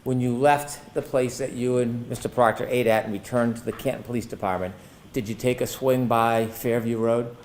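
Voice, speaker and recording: A man's voice: mid-range voice, steady tone, normal speed, a little mellow, slight background noise. A man working as an attorney, questioning a witness in court in a formal, methodical and precise way. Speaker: prosecuting attorney.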